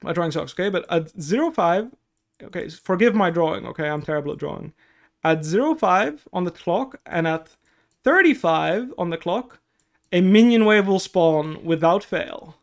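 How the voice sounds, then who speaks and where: High-pitched and expressive, with a creaky texture, this young Dutch-native man speaks at normal speed. He's coaching on a relaxed stream, answering chat and explaining things one step at a time with lots of okays, wearing a headset at a desk in a small indoor room.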